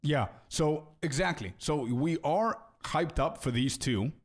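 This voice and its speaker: With a slightly high, expressive voice and a measured pace, a young man plays a video game on stream and casually answers his viewers. His friendly, laid-back chatter is full of "bro" and repeated words as he thinks out loud.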